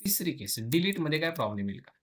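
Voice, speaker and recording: A man teaching programming in a casual classroom lesson, colloquial and chatty, slipping in English phrases and acting out the tables and students in quick asides. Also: a little high, big pitch swings, fairly bright tone, slightly rough.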